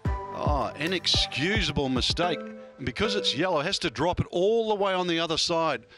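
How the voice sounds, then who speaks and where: A man's voice: a little high, lively intonation, moderate pace. A man giving analytical golf commentary on a broadcast. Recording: music behind commentary.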